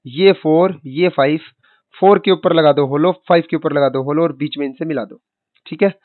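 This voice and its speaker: A man's voice: a little high, moderate pace, no room sound. A male maths teacher giving an online lecture in a chatty way, calling his students kid and boss and asking their questions for them. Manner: voices students' questions, then answers them. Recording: dry, tinny phone-like sound.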